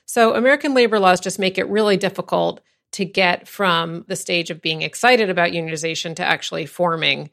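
A woman's voice: fairly low pitch, fairly quick, gravelly, few pauses, a bit bright. A woman speaking as an expert guest in a radio interview. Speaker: business editor, interview guest.

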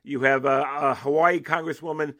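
A man giving political analysis as an interview guest, animated and emphatic, often restarting his sentences. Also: on the high side, normal speed.

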